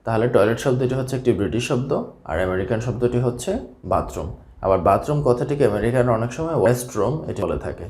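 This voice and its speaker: A man from Bangladesh teaching a scripted English vocabulary lesson, steadily repeating each key word slowly. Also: mid-range voice, lively intonation, a little mellow. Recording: echoey room.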